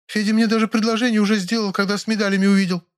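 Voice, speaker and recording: A man voicing a frightened, simple-minded young peasant housemaid who squeaks and stammers through tears. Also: little pitch movement, rapid-fire, clean tone, close to an everyday voice. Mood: squeaky, pleading.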